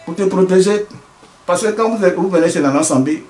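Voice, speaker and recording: A man's voice: sits high, a little fast, a little mellow, roomy sound. A man, a traditional healer answering interview questions earnestly, often restarting his sentences. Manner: explains earnestly with many restarts.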